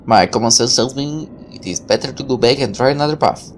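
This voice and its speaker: With an extremely low-pitched voice and a slightly fast delivery, a woman plays through a visual novel, voicing the text and dropping sarcastic, irreverent asides. A little hiss or hum is audible.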